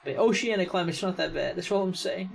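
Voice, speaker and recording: A young man with an American accent talks through a video in an easygoing, meandering way, often padding his thoughts with "I mean" and "yeah". His voice sits a little higher than most men's. A faint hiss of noise runs underneath. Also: fairly quick, creaky, low-quality recording. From United States. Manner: relaxed, rambling, lots of "I mean" and "yeah". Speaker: reaction channel host. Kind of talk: casual video reaction commentary.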